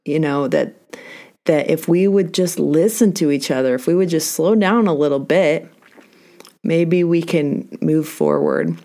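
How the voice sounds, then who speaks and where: A woman's voice: low-pitched, unhurried, vocal fry, mellow. A middle-aged woman and teacher hosting a solo podcast, telling stories in a candid, self-deprecating way and acting out the dialogue she quotes. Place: indoors, talking alone into a mic.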